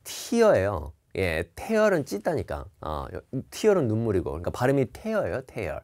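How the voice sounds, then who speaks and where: A man's voice: on the low side, wildly swooping pitch, measured pace, darkish tone. A man teaching TOEIC listening in an online lecture, explaining each answer and repeating key words.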